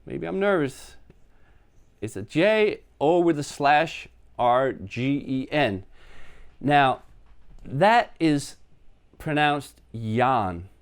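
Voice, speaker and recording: Speaking extremely slowly with long pauses, this Danish musician and live streamer has a slightly high, animated voice with a clear, resonant tone. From his apartment he rambles chattily to viewers, often poking fun at himself.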